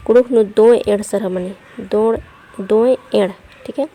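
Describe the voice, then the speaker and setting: A language teacher gives an online lesson in a medium-pitched, dark-toned voice at a measured pace. She explains things step by step, reading letters and example words one at a time and often checking in with "okay".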